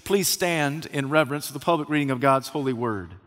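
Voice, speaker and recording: A man's voice: mid-range voice, a little fast, a bit bright, big-room sound. A male pastor reading Scripture reverently, then preaching an emphatic sermon with repeated, building phrases.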